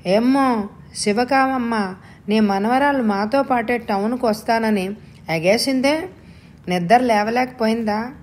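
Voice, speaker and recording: A woman voicing a loud, chatty older village woman in a storybook reading. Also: a little high, takes it slowly, long pauses, voice pushed up. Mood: gossipy.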